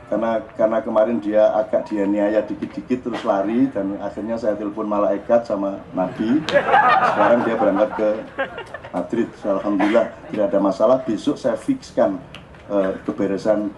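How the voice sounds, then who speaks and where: Speaking with a Javanese accent, a man delivers a lighthearted religious talk to a crowd at a live open forum, animated and slipping local dialect into his jokes. His voice sits on the low side at a moderate pace, with slight background noise.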